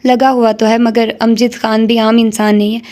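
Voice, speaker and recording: Stern young policeman, read by a woman, hot-tempered, grave, fairly high, flat. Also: natural voice. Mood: grim.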